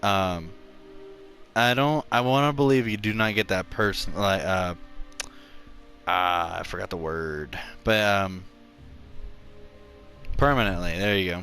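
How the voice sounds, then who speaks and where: A man's voice: sits low, a little slow, long pauses, fairly bright tone, faint music behind. A man casually talking through a video game's character creation, rambling with many fillers and restarts. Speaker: gameplay tutorial narrator. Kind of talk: casual gameplay commentary.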